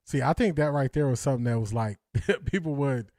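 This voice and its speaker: A brisk, slightly mellow mid-range male voice belongs to a sports talk host reading and answering viewer comments on a casual stream. The recording is dry and clean, studio grade. He stumbles into restarts and fillers often, hesitating and laughing.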